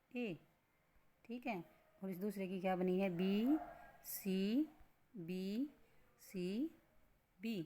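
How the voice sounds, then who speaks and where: A woman teaching a school lesson at an unhurried, deliberate pace. She repeats each point patiently and keeps asking rhetorical questions as she works through the material. Her voice sits at a middle pitch. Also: a little mellow, slight background noise. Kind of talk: classroom lesson explanation.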